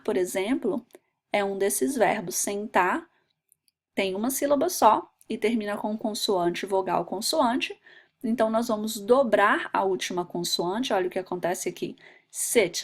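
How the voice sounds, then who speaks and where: A woman teaching English grammar in a video lesson, patient and methodical, spelling out letters one by one. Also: medium pitch.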